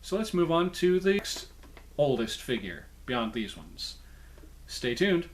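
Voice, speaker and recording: A man's voice: a little high, big pitch swings, unhurried, a little hiss or hum. A man giving a casual, informal show-and-tell monologue as a presenter, chatty and often correcting himself as he goes. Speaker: presenter showing a puppet collection.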